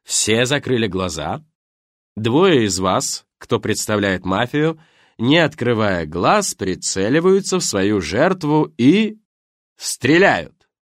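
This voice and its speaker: A man's voice: medium pitch, very animated, dry recording, studio quality. A man reading an audiobook voices a theatrical host announcing a party game in a trained, declaiming voice. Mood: solemn. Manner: slow, declaiming.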